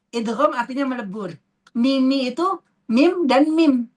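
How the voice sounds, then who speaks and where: A woman teaching a tajwid class, patiently asking students questions and repeating terms slowly. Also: high voice, animated, dark tone. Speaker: Quran recitation teacher.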